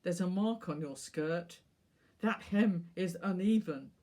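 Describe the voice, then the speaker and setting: A woman's voice: on the low side, slow pace, mellow. Woman voicing a blunt Birmingham-accented talking dog. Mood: fault-finding. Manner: blunt, forthright, moralizing. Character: fussy, judgmental male talking spaniel.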